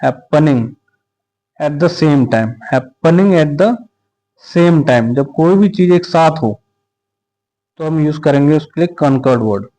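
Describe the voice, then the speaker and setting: A man with a slightly high, warm voice teaches an exam-prep vocabulary lesson at a slow pace with long pauses, on a rough recording. He explains in Hindi mixed with English terms, repeats each term several times, and spells words out letter by letter.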